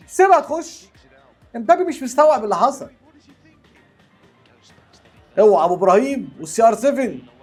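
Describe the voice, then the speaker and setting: Man, Egyptian accent, football reaction commentary, lively swooping pitch, fast, background music. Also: husky. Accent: Egyptian Arabic. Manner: animated, exclaiming, repeats words.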